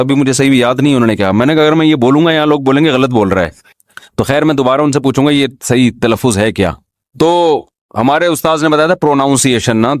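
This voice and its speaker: A man's voice: medium pitch, no room sound, clean studio sound. A man giving an informal, humorous religious talk, often throwing rhetorical questions at his listeners. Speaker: Islamic scholar giving a talk.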